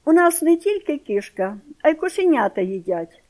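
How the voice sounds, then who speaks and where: A woman voicing a shy, proud small village boy, speaking higher and more eagerly than her narration. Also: sing-song, moderate pace, dark tone. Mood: defiant.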